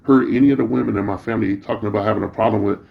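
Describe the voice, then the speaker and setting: A man's voice: lowish voice, fairly even intonation, rapid-fire, vocal fry. A middle-aged or older man giving an informal, rambling opinion rant, blunt, profane and slangy, with a scornful, confrontational edge. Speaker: social media commentator. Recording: dull, muffled lo-fi sound.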